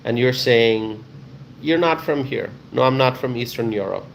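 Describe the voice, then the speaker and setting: During a relaxed live chat, a man from Bangladesh reads out what viewers write and replies to each, repeating key phrases to stress them. He speaks at a moderate pace in a mid-pitched voice with vocal fry; the audio is poor, with a faint hiss underneath.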